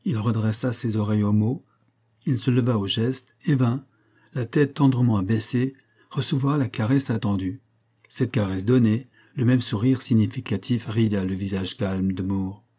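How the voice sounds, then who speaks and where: Un homme qui lit un roman classique en livre audio, d'une lecture posée et régulière. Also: male voice, on the low side, moderate pace, mellow, breathy edge. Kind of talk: narration littéraire lue.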